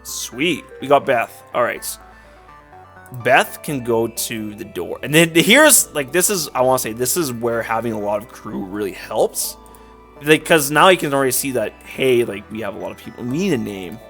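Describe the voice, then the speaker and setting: A man talks through a video game in a loose, rambling way and fills his sentences with "like". His voice is gravelly, and his pitch jumps around a lot. Faint game music plays behind him. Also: very animated, moderate pace, fairly bright tone. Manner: rambling, filler-heavy, frequent "like". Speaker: let's play YouTuber. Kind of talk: casual gameplay commentary.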